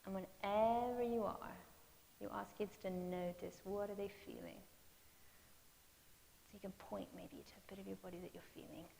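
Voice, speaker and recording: Gentle woman guiding mindfulness, gravelly. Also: mid-range voice, fairly even intonation, normal speed, pauses often. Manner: gentle, encouraging, leading exercises with soft breathy cues. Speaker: mindfulness instructor for parents. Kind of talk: guided mindfulness exercises. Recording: long reverb with faint hiss.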